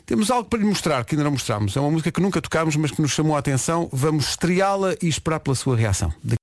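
Fast-talking European Portuguese radio host. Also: male voice, fairly high pitch, animated, dry recording. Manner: brisk, chatty. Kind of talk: morning radio presenting. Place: radio studio.

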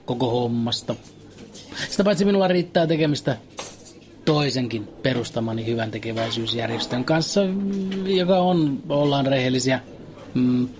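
A man with a mid-pitched voice delivers a deadpan comic monologue. His telling is dry and ironic throughout.

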